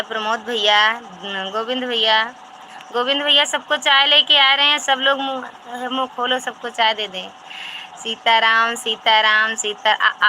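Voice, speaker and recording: A woman's voice: fairly high pitch, pushed and bright, slight background noise. A woman with an Awadhi-tinged Hindi accent hosting a casual live stream from home, chatting with viewers and greeting each one by name. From Uttar Pradesh, India. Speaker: livestream host.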